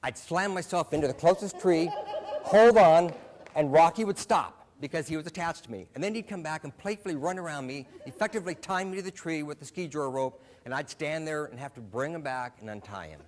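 A man's voice: fairly high pitch, fast, few pauses. A middle-aged man from Alaska giving a short humorous stage talk, telling a story with self-deprecating comic timing. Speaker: speaker.

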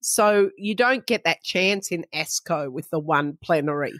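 A woman co-hosting a podcast, chatting in a playful way with quick asides. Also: on the low side, lively intonation, a bit bright, dry recording. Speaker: podcast co-host. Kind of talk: casual chat.

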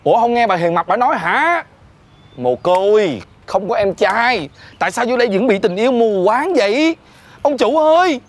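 A man's voice: mid-range voice, fast, natural voice. A man playing a cheeky, nosy restaurant worker. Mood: nagging. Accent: Southern Vietnamese. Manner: teasing, nagging, lively. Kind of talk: comedy sketch acting. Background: background music.

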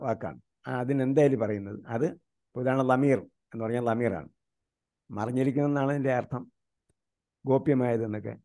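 In his online grammar class, an Indian man slowly recites grammar terms and quizzes his students by repeating questions. He speaks with a mellow, medium-pitched voice.

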